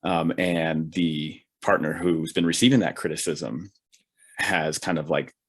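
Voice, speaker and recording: A man's voice: extremely low pitch, unhurried, husky. A man co-hosting a relationship podcast, talking reflectively in casual conversation and often checking in with "right?". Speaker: podcast co-host, couples therapist.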